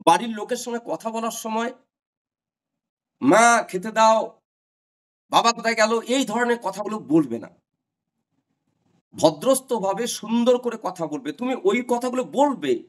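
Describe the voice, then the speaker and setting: Man, middle-aged, high-pitched voice, teacher, online class lecture, earnest, repetitive, speaks straight to students. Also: big pitch swings, normal speed, darkish tone. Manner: earnest, repetitive, addresses students directly with advice. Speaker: teacher advising job candidates.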